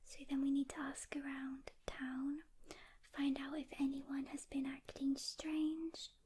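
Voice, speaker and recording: Whispering close to the mic, a woman plays a calm, caring demon hunter in an ASMR roleplay, softly reassuring a rookie with pauses. Her voice sits high, and there's slight background noise.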